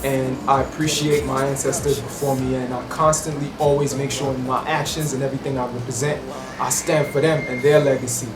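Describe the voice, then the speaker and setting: A man's voice: medium pitch, little pitch movement, a little fast. A musician giving an emphatic, preachy interview monologue, often asking if you know what he means. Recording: roomy echo with music behind.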